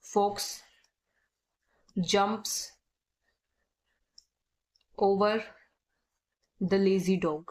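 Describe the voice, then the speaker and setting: A woman with a North Indian Hindi accent teaching typing in a casual spoken tutorial, repeating her points and checking in often. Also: mid-range voice. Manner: repetitive, checks in with "ठीक है"; spells letters out slowly.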